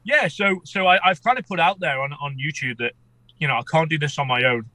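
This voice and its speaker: A man's voice: on the high side, fairly quick, sharp tone, no room sound. A man chatting casually as an interview guest, congested with a head cold so he sounds underwater. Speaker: podcast guest, amateur shark expedition filmmaker.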